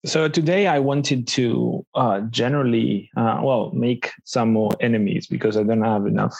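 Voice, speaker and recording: A man from Greece co-hosting a casual podcast, talking in a halting, thoughtful way with frequent pauses mid-sentence. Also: mid-range voice, gravelly, darkish tone, dry recording, muffled recording. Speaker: podcast co-host.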